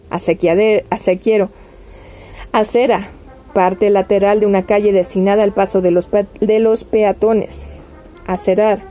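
A woman reading dictionary entries aloud in a steady list-like cadence, often stumbling and restarting words. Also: medium pitch.

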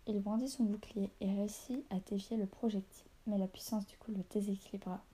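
A woman reading a novel aloud in a soft, half-whispered voice, stopping now and then to correct small slips. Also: medium pitch, steady tone, brisk, breathy edge.

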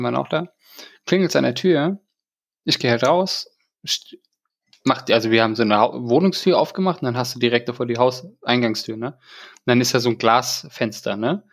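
A man's voice: medium pitch, vocal fry. A man in his thirties hosting a casual podcast, still a bit ill, telling a rambling story in slangy speech full of fillers. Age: 30s. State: recovering from illness. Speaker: podcast host.

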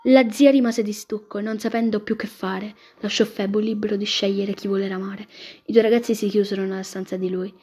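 Husky woman reading a story aloud. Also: medium pitch, little pitch movement, brisk, darkish tone. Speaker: narrator.

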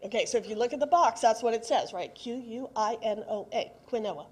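A woman's voice: on the high side, brisk, husky. A middle-aged woman, preaching a sermon in a conversational way and putting questions straight to the congregation. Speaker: pastor.

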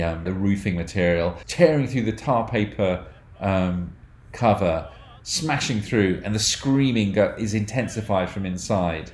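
A man narrating as game master of a tabletop horror game, describing scenes in a halting way with many fillers. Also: deep voice. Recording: roomy echoey recording.

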